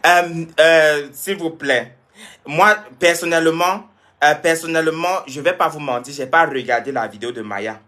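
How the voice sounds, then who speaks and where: Guy live streaming to viewers, bright forceful voice, repeats himself a lot. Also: fairly high pitch, normal speed. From Cameroon. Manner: animated, repeats himself, reads and answers viewer comments. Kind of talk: casual live-stream talk.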